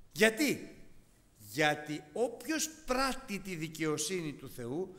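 A man preaching a fervent sermon in a church, animated and speaking as if in prayer to God. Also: fairly high pitch, big-room sound.

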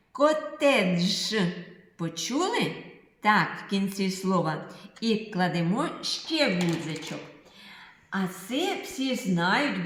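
A woman teaching a preschool literacy lesson in a slow, sing-song voice, drawing out sounds for small children. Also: mid-range voice. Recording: very echoey room sound.

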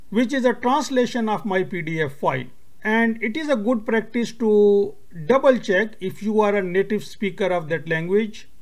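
A man whose first language is Urdu hosts a screen-recorded tutorial, walking through each step in a steady, methodical way. His voice sits high.

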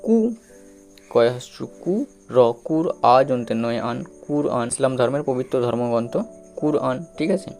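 A man with a gravelly, mellow voice works through a reading lesson, sounding out each syllable slowly and repeating it. He checks in often with the listener. Faint music plays underneath. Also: mid-range voice, fairly even intonation. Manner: slow, repetitive, drawn-out syllables with frequent checks. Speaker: teacher.

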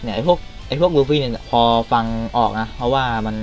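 Excitable man commentating a game. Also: mid-range voice, fast, faint music behind. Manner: shouty bursts, swearing, talks to opponents. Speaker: gameplay streamer.

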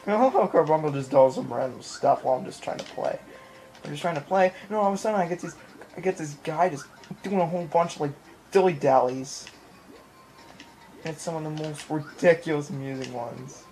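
Soft music plays behind a brisk, slightly high and mellow male voice as a gamer records his playthrough. He rambles casually and repeats himself often, filming the TV in an indoor room on a handheld camera or phone, and the recording quality is low.

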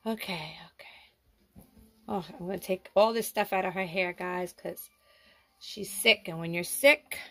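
A woman's voice: on the low side, unhurried. A woman narrating a doll role-play vlog, fussing over a sick doll in a soothing tone and talking to her viewers. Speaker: doll vlogger.

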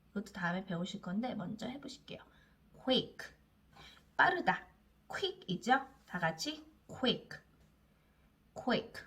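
A woman teaching English reading, sounding out each letter slowly and coaxing learners to repeat words after her. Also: medium pitch, a bit bright. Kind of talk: slow phonics lesson for learners.

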